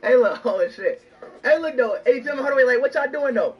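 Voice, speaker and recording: High-voiced, excitable male streamer. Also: fairly quick, slightly rough, far from the mic, highs cut off. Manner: excitable, brash, repeats himself. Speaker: livestreamer. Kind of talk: casual livestream chat.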